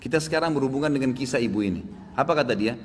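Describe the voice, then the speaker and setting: A man preaching and telling a story to his listeners, with animated swings in voice as he speaks for the people in it. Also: medium pitch, very fast. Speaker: Islamic preacher. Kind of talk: sermon storytelling. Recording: long hall reverb, faint background noise.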